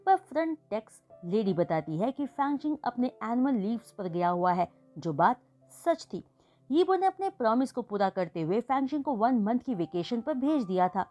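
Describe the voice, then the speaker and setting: A woman retelling a fan fiction story chapter by chapter in a steady storytelling voice. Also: a little high, normal speed, lo-fi sound, faint music behind. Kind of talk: storytelling recap narration.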